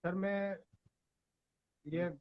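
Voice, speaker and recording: Man, caller from Haryana, over a breaking call line, dull audio, halting restarts, keeps saying sir. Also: sits high, steady tone, no room sound. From Palwal district, Haryana, India. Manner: hesitant, stops and restarts, says "sir" often. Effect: heard over an online call line that keeps breaking up.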